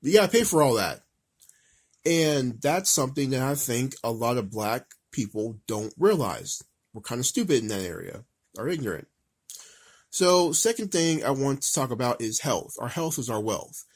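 A man in his thirties giving a casual, emphatic rant, repeating phrases for stress, recorded in an office on an old flip phone with lower quality audio. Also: expressive, moderate pace, husky. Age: 30s. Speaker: vlogger.

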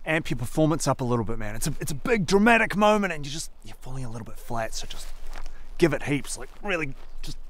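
An actor playing a blunt, unimpressed gamer as an adventurer, speaking casually in a comedy sketch. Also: male voice, fairly high pitch, very animated, fast talker, fairly bright tone. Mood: critical. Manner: casual, blunt, hedging complaints.

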